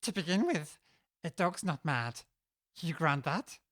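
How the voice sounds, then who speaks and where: An actor playing a sly, grinning cat who chuckles between lines in a playful drawl, for a full-cast audiobook. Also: male voice, fairly high pitch, big pitch swings, unhurried, fairly bright tone, no echo, clean studio sound. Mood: amused, teasing. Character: grinning, teasing Cheshire Cat, sly and amused.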